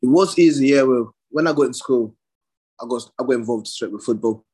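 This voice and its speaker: A man's voice: medium pitch, fairly quick, darkish tone, slightly rough. A young man from Somalia, a professional boxer, giving short plain answers in a casual interview and laughing often.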